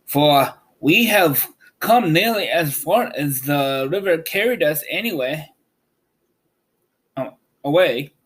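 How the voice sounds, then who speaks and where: A man's voice: fairly high pitch, animated, slow pace, a bit bright, slightly rough, heavily acted, rough recording. A man voicing a helpful, eager living scarecrow in a storybook. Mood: matter-of-fact.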